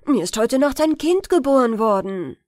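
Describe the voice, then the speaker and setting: A woman's voice: high-pitched, lively intonation, moderate pace, darkish tone, dry recording, clean studio sound. A woman reading a beaming new father. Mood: proud. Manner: cheerful, proud.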